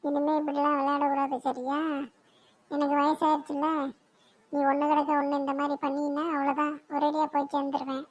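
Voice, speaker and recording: A woman's voice: sits high, monotone, fairly quick, close to an everyday voice. A woman voicing a fussy, scolding elderly grandmother in a cartoon. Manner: scolding, grumbling. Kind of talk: cartoon voice acting.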